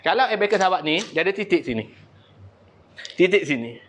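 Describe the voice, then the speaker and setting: Man, Malaysian Malay accent, abacus teacher to children, playful, teasing, loud calls and muttered asides. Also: sits high, big pitch swings, fairly quick. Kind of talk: classroom lesson to children.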